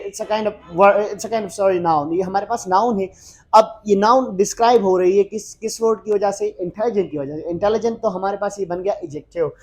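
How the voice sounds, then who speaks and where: A man's voice: sits high, darkish tone. Teacher, male, patient classroom explainer, repeats points, easygoing fillers. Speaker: English teacher. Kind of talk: mixed Hindi-English grammar lesson.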